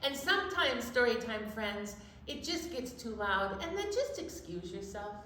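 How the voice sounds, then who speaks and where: A woman with a Minnesota accent, a children's librarian reading aloud at an online storytime in a playful, animated way. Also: a little high, measured pace, a little hiss or hum. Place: library room. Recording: echoey room.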